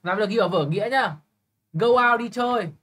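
A young man tutoring English, briskly quizzing a student with quick questions and blunt, teasing remarks. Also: sits high, sharp tone, slightly rough. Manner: brisk, keeps checking understanding with quick questions. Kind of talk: live tutoring lesson.

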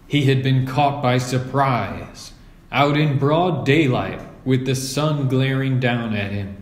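A man with a mid-range, slightly mellow voice reads a children's story aloud as scripted narration, acting as a storybook reader. The recording has a roomy echo.

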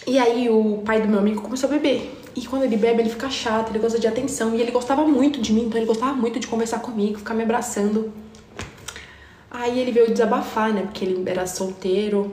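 A young woman tells a story straight to her stream chat, animated and full of slang. Her voice sits fairly high. The sound is roomy and echoey, as if caught on a phone in a room. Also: a little hiss or hum. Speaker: live streamer. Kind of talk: casual storytelling to viewers.

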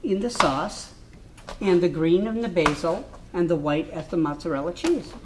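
A woman's voice: fairly low pitch, lively intonation, moderate pace, background noise. A woman co-hosting a comedy cooking show, teasing her partners with puns while she cooks in a kitchen. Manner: teasing, playful, prone to puns. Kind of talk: jokey scripted-feeling banter while cooking.

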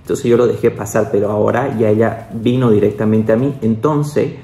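Brisk, steady, and dark-toned, this young man is a doctor recounting something that happened to him in a relaxed vlog. He rambles with side comments, keeps saying "o sea" and "¿no?", and raises his pitch to imitate other people's voices, all in a room with noticeable echo.

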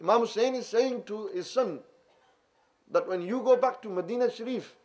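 A man's voice: high voice, moderate pace, darkish tone. A man preaching a sermon as an imam, telling a story in an impassioned, exclaiming manner.

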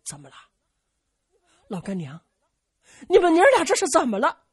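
A woman voicing a steady older village man who speaks slowly and gravely as a calm advisor. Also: high voice, dry recording, clean studio sound, voice pushed up. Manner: slow, measured, grave.

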